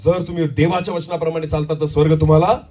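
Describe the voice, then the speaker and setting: A man preaching a sermon to a congregation, firing rhetorical questions and pressing listeners to answer, shifting between shouts and quiet low phrases. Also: little pitch movement, fast talker, distant mic, lo-fi sound. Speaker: pastor.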